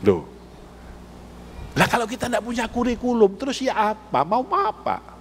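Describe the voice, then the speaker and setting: A man's voice: very high voice, wildly swooping pitch, normal speed, a little hiss or hum. A man with an East Javanese accent preaching an Islamic sermon in a mosque, putting rhetorical questions to the congregation and pressing them for answers. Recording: echoey mosque hall.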